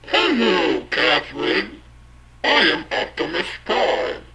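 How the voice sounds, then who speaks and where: A gravelly, filtered robot commander who talks at a crawl and swings his pitch widely. The sound is bright and buzzing, with a faint hiss behind it. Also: big pitch swings, exaggerated voice. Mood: mock-heroic. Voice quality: gravelly, slow robotic drawl. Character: male robot leader, slow and grand. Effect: robot voice changer.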